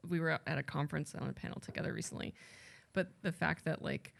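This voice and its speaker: Speaking fast with vocal fry and fairly even intonation, a low-voiced woman translator addresses a library event panel. She's casual, thoughtful, and rambling, frequently revising what she says mid-sentence.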